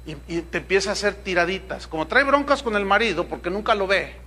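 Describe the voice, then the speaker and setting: A man's voice: high-pitched, lively intonation, fast, pushed and bright. A man, preaching a sermon in a conversational, humorous way and asking the crowd rhetorical questions. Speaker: pastor.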